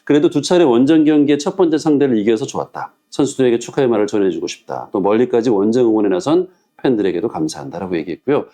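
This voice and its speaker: Fast-talking man with a mellow voice. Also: medium pitch. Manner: reads out coach's remarks, steady. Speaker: show host. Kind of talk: football talk show hosting.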